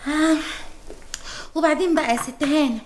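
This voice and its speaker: An actress with an Egyptian accent playing a sassy housemaid in a TV comedy, grumbling and talking back. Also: female voice, high voice, fairly quick, roomy sound, slight background noise, close to an everyday voice. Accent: Egyptian Arabic. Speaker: housemaid Sukkara.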